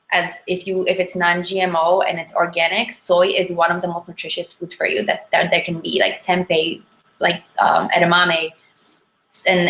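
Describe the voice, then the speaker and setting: A woman's voice: on the low side, a bit bright. Woman with a Polish accent, echoey room. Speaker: interview guest. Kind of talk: casual chat about diet. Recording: echoey, roomy sound.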